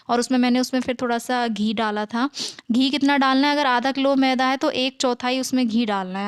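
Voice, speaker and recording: Woman, 30s, home vlogger; chatty step-by-step narration, slightly high voice, dry close sound. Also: clean tone, no echo. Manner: chatty, explains step by step with frequent tag questions. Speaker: vlogger and mother. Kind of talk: casual cooking vlog narration. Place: home kitchen.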